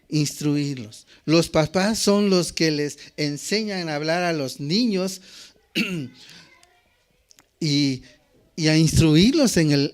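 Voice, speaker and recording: Older Mexican pastor, smooth preaching voice. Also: male voice, on the high side. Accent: Mexican Spanish. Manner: peppers phrases with questioning "¿verdad?"; repetitive, call-and-response preaching. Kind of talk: sermon.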